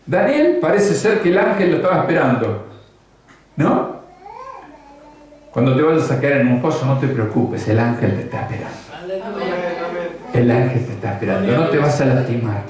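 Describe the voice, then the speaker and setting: A man's voice: medium pitch, lively intonation, moderate pace, long pauses, a little mellow. A man preaching a sermon as pastor, conversational and often asking rhetorical questions. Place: church hall. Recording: very echoey church, voice from far off.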